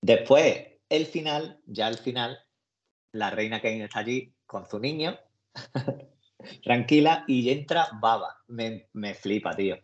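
Slow-paced and animated, this medium-pitched man talks with a Spain Spanish accent as co-host of a podcast on a series. The casual chat drifts through scenes in slang, and the audio is muffled and lo-fi.

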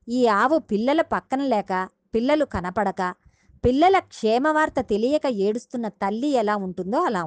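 An earnest woman gives a devotional discourse, retelling a sacred tale and pausing to explain its meaning to her listeners. Her voice sits fairly high. The recording is dry and close, with no room echo. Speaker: religious discourse speaker.

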